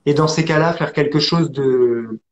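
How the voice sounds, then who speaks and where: A man from France telling his story as an interview guest, hesitant with many pauses and restarts. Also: a little high, dull audio. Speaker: interview guest, acrobat and actor.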